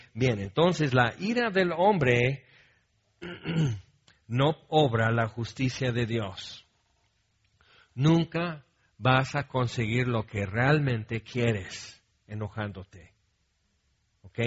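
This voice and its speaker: A man's voice: mid-range voice, drawn-out words, pauses often, husky, dull audio. A man with a Mexican Spanish accent preaching a sermon in a conversational way, often checking in with the congregation and telling humorous stories with asides. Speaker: pastor.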